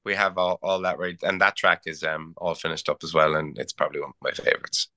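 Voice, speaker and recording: A man's voice: extremely low pitch, level tone, fast talker, pushed and bright. An Irish man chatting as a musician guest in an interview, easygoing and laughing often, with frequent stumbles and repeated words. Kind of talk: casual interview chat.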